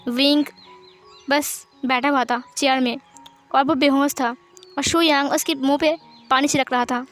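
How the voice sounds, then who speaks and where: A woman's voice: sits high, steady tone, measured pace, a bit bright, faint music behind. A woman narrating fan fiction aloud in a plain, conversational way. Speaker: storyteller.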